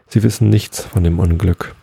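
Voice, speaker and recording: Grave old elk elders, deep and gravelly, read by a man. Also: fairly even intonation, moderate pace, dark tone, dry recording, full character voice. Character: old solemn male elk elders, worried.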